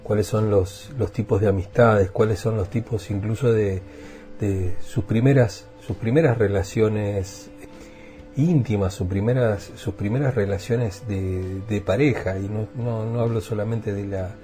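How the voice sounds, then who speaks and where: Guy on the radio, lowish mellow voice, slow thoughtful rambling, restarts words a lot. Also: fairly even intonation, faint music behind. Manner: thoughtful, halting, repeats words while searching for them. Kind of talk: reflective radio monologue.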